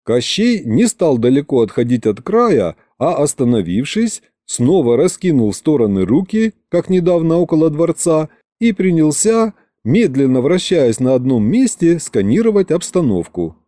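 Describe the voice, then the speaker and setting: A man narrating a fantasy story in the first person, in a wry, lively way. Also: fairly high pitch, normal speed, hardly any pauses, no room sound, studio quality. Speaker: audiobook narrator.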